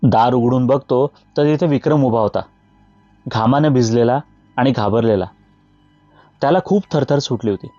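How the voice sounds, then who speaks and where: Mellow-voiced man narrating a horror story. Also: mid-range voice, dry recording. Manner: steady, measured storytelling. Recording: slightly dull, faint music behind.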